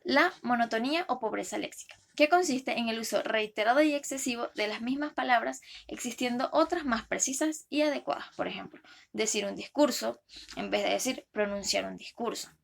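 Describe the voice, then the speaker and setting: A young woman, a first-semester university student, reading a class presentation in a careful, steady way. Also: on the high side, brisk, vocal fry. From Venezuela. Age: young adult.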